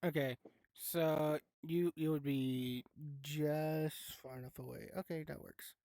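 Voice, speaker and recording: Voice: mid-range voice, steady tone, slow, warm tone, no room sound. Laid-back game master with a dry, close sound. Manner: laid-back, chatty, laughs often, swears. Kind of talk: running a tabletop game live.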